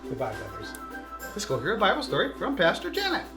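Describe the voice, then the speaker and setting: A woman's voice: mid-range voice, huge pitch swings, quick pace. A woman hosting a kids show, bantering with a sidekick in simple, repetitive phrases for children. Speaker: kids show host, pastor. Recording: roomy sound, loud music underneath.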